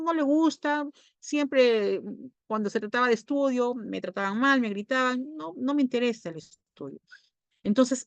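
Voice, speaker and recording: A woman's voice: on the high side, dry recording. A woman with a Peruvian accent, a child psychologist giving an informal talk to parents. She speaks conversationally, often tags "¿no?" and briefly acts out parents and children. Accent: Peruvian Spanish.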